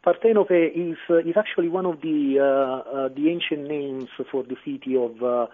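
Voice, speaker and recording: A clarinetist and composer answers radio interview questions over a phone line, with many fillers and restarts. His voice is a little high and his pace normal.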